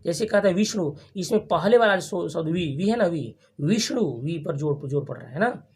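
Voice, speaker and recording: Husky-voiced grammar teacher quizzing a class. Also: medium pitch, animated, a little mellow. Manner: repeats terms and quizzes the class with quick questions; frequent restarts and checking questions. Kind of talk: classroom lesson with call-and-response.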